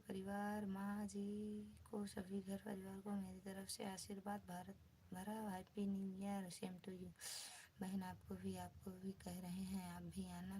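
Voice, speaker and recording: A woman's voice: medium pitch, dark tone, a little hiss or hum. A woman with an Awadhi accent hosting a casual phone live stream, greeting viewers by name and answering their comments. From northern India.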